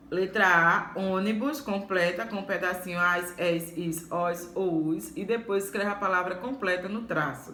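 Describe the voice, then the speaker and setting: A woman teacher reads worksheet exercises to young pupils, slowly and carefully, repeating words and syllables. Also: mid-range voice, a bit bright. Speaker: primary school teacher. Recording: echoey room, faint background noise.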